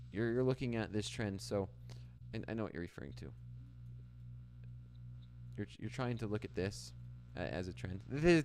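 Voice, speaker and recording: On a livestream about trading, a Canadian host casually talks with his audience, reading chat messages out loud and responding, often restarting his sentences. His voice is on the low side, and the recording has a little hiss or hum.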